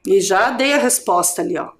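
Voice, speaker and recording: A woman teacher with a Brazilian Portuguese accent from Curitiba, giving an adult education video lesson, drawing out syllables slowly and asking the viewer questions. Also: mid-range voice, expressive. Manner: slow, drawn-out syllables for drilling.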